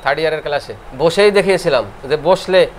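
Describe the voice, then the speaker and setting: A middle-aged man from Bangladesh giving a classroom lecture, explaining points over and over and reciting verses slowly in a sing-song way. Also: a little high, slight background noise. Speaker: homeopathy lecturer.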